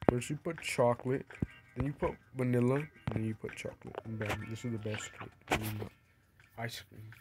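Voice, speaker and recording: A man's voice: mid-range voice, flat delivery, normal speed, very noisy. A young man who is sick, casually narrating his game in a rambling, playful, self-mocking way. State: sick, coughing. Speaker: gaming vlogger. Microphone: phone screen recording.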